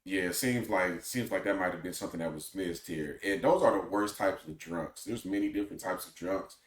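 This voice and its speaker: Deep-voiced man in a roomy space. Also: brisk. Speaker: talk show co-host. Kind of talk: casual conversational commentary. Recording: roomy, echoing sound.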